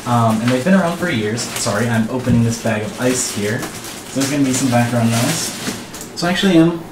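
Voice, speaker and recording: Male vlogger, mid-pitched, earnest and reflective, echoey noisy room. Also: a little fast. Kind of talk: earnest monologue to camera. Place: small bathroom, indoors. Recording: echoey bathroom with clear background noise.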